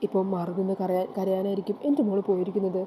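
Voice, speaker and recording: A woman's voice: medium pitch, flat delivery, rapid-fire, dark tone, a little hiss or hum, natural voice. A woman voicing a grieving mother, sorrowful and anxious for her daughter.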